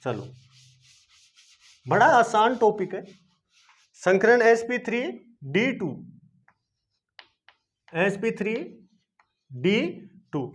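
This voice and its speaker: A man's voice: sits high, sing-song, very slow, long pauses. A man teaching a chemistry lesson. He asks questions and then answers them himself, repeating points in a coaxing way. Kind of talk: classroom-style video lesson. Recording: dull lo-fi video lesson recording.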